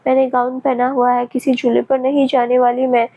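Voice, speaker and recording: A woman voicing a shaken, shy young heroine in a storybook reading, quiet and hesitant, on a tinny, phone-like recording. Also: high-pitched, completely flat delivery, normal speed.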